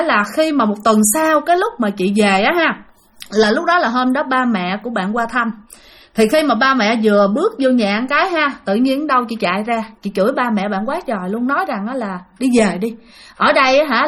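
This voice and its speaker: A woman's voice: a little high, a bit bright. A woman telling a ghost story in a chatty way, speaking directly to her listeners. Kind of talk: spoken ghost story narration.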